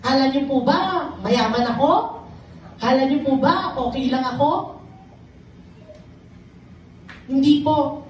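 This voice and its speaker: A woman's voice: high voice, slow pace, long pauses, darkish tone, heavy reverb, recorded from a distance, slight background noise, low-quality recording. A woman with a Filipino accent giving an emotional, earnest personal testimony in church. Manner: emotional, earnest, mixing Tagalog and English. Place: church hall.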